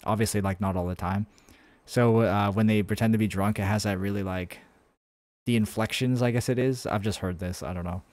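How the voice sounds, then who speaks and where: A man's voice: lowish voice, fairly even intonation, fairly quick, a little mellow, dry recording. A man streaming his game development, thinking aloud in a rambling, casual way with many fillers and restarts while answering chat. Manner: answers chat messages between coding steps.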